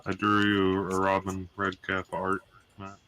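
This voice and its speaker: A man's voice: low-pitched, monotone, measured pace, pushed and bright. A man chatting casually as a player at a tabletop game. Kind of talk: casual chat.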